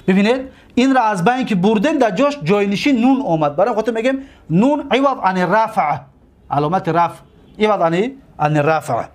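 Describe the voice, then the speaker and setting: Male teacher, higher register, methodical and repetitive classroom delivery. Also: lively intonation. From Tajikistan. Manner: explains step by step, repeats terms, asks students questions. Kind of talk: classroom grammar lesson.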